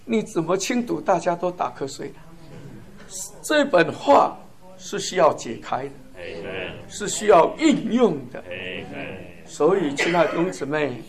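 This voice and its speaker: Male preacher, slightly high voice, fervent and chuckling, punchy emphatic lists. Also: vocal fry. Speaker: church speaker. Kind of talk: sermon testimony.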